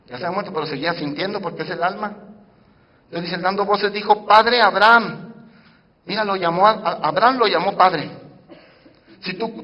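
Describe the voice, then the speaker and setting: A man preaching a sermon to his congregation, swinging between loud emphasis and hushed asides and asking the church questions directly. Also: on the high side, husky. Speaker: pastor. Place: church sanctuary. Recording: muffled church sound with long reverb.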